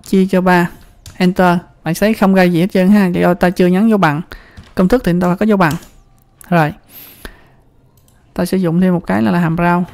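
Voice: mid-range voice, fairly even intonation, moderate pace, long pauses, darkish tone. An instructor with a Southern Vietnamese accent talks through a spreadsheet tutorial in a chatty way, repeating words and often checking in with the viewer. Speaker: computer skills instructor. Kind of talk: screen-recorded spreadsheet tutorial.

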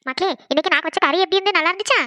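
A woman's voice: very high-pitched, racing, bright, forceful tone. A woman voicing an affectionate mother in a cartoon who fusses over her family's meal. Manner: fussing, affectionate. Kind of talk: cartoon voice acting.

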